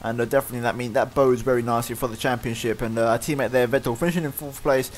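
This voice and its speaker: A man giving fast play-by-play commentary over his own racing game. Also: mid-range voice. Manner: fast excited play-by-play, winding down later. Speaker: gaming YouTuber. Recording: loud racing game engine noise behind.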